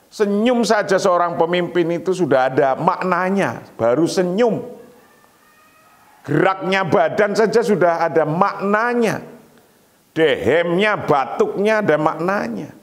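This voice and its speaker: A middle-aged man preaches at an unhurried pace, leaning hard on his points, and he sounds like he is in a big hall a long echo. He reads Arabic slowly, then explains it. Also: high-pitched. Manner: lively, emphatic teaching, recites Arabic slowly then explains. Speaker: Islamic preacher. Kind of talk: morning religious lecture.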